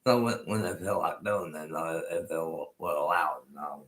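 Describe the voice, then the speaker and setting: With an extremely low pitch, fairly even intonation and a moderate pace, this slightly bright-sounding man hosts his own casual live stream. He is in his sixties, from Colorado, and toothless, so his speech is sometimes unclear as he rambles, repeats himself and often restarts.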